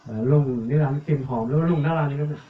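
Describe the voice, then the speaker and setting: A man giving live commentary on a village football match, reeling off player numbers and names and getting louder on attacks. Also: a little high, rapid-fire. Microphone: cheap tablet recording. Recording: echoey, tinny, phone-like audio.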